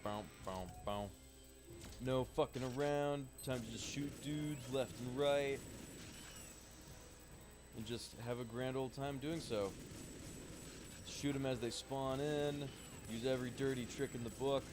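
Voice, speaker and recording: A man talks loosely through a let's-play, cursing at enemies and chatting with his viewers between fights. His voice is of ordinary pitch, with faint game music underneath. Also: steady tone, a little slow, pauses often. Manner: swears freely, chats loosely while playing. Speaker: game streamer. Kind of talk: casual let's-play commentary.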